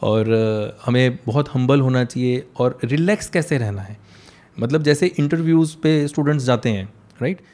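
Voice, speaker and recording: A man's voice: medium pitch, moderate pace, dark tone. A man, an English teacher with a slight Punjabi accent, chatting casually and telling stories while mixing Hindi and English. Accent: Punjabi-tinged English. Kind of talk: casual conversation.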